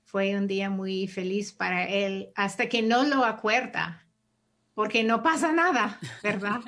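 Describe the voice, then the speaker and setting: Slow-spoken woman guest, gentle. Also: mid-range voice. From United States. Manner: gentle, searching for words. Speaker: author and activist guest. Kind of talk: interview answers. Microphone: video call.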